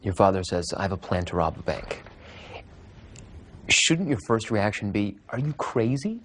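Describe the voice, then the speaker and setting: A man's voice: low voice, animated, normal speed, a bit bright, slight background noise. A man interviewing people with pointed, skeptical questions.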